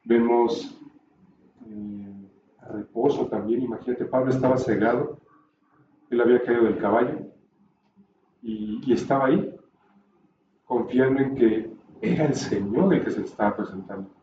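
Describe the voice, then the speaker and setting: Man teaching a bible class, kinda mellow voice, asks lots of little questions, echoey room, mic far off. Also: mid-range voice, a little slow, long pauses, slight background noise. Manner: explanatory, asks rhetorical questions. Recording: distant, roomy, dull room recording.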